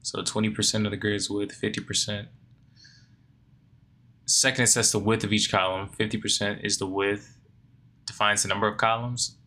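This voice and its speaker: A man's voice: on the low side, little pitch movement, moderate pace, long pauses, sharp tone. A man working through a coding lesson, reading the text aloud and then puzzling over it in a sleepy, think-aloud way. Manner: reads lesson text aloud, then muses and questions himself. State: sleepy, yawning. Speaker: coding learner.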